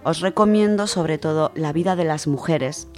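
Her low-pitched, slightly mellow voice moves at a moderate pace; speaking with a Spanish accent, she contributes eagerly to a conversational radio book segment while music plays underneath.

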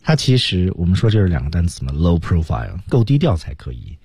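A man's voice: sing-song, a little fast, vocal fry, warm tone, breathy edge, no echo. A man teaching English on a radio lesson, explaining phrases with emphatic rises and falls. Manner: explanatory, emphatic swings between high and low.

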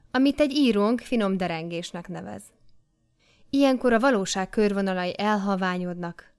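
A woman reading a memoir aloud as an audiobook, with measured and expressive storytelling. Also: medium pitch, smooth. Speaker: audiobook reader. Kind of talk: scripted memoir narration.

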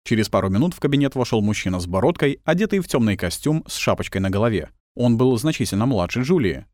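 A male narrator reads a story aloud with a lively, expressive pitch. His voice is medium in pitch and recorded dry and close to the mic. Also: fast talker, dry recording. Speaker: audiobook narrator. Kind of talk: scripted narration.

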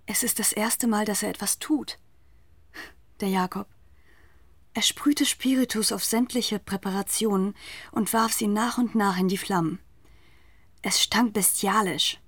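An actress with a medium-pitched voice plays a grave, haunted narrator in a literary radio drama, telling the story in a measured, deliberate way. Music plays in the background, and there's no echo.

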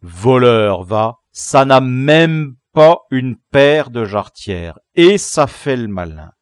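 A man voicing a rowdy village boy who leads his gang, loud, jeering and commanding. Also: a little high, big pitch swings, measured pace, no echo, studio quality, voice pushed up. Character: rowdy village boy leader, gleeful, bossy.

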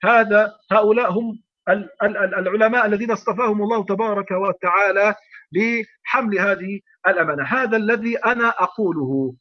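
Egyptian male sheikh, quick emphatic lecturer, repeats himself, dull online recording. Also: high voice. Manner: emphatic, repeats phrases, rhetorical questions. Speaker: sheikh teaching Quran readings.

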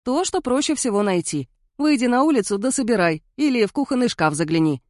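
A woman's voice: fairly high pitch, animated, fairly quick, darkish tone, no echo, clean studio sound, pitched above the performer's own voice, close to an everyday voice. A woman voicing a clever young male investigator who reasons aloud with a teasing edge. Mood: wry.

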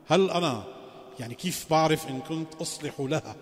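A man's voice: on the high side, fast. A man giving a religious lecture as a sheikh. He poses rhetorical questions and moves between formal phrasing and colloquial asides. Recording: long reverberant hall.

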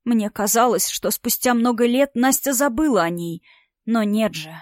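A woman's voice: a little high, moderate pace, darkish tone, dry recording, studio quality, natural voice. A woman voicing a tearful, distraught young woman who sobs and pleads with a trembling voice in an audiobook story. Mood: sighing, guilty. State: crying. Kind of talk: audiobook character voice.

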